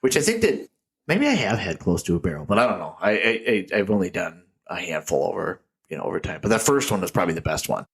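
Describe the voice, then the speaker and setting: This beer podcast co-host has a deep, breathy-edged voice with big pitch swings and a quick pace. He rambles through casual chat full of jokey tangents and frequent laughs, in a small echoey room that gives a tinny sound.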